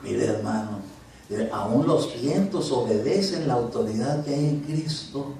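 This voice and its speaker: A male pastor preaching a conversational sermon in a church, swinging from loud commands to soft asides. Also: mid-range voice, lively intonation, unhurried. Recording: very echoey church hall from a distance.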